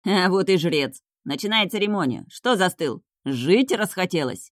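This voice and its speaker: A woman's voice: lowish voice, expressive, measured pace, dry recording. Brief: woman reading cruel mocking nobleman, ordering people about, dry close reading. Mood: commanding. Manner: sneering, gloating, barking orders. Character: cruel mocking young dark-haired man, mad laugh.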